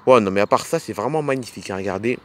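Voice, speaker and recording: A man's voice: fairly low pitch, rapid-fire. A man narrating a playful toy film as a dad, pointing things out to the kids with enthusiasm.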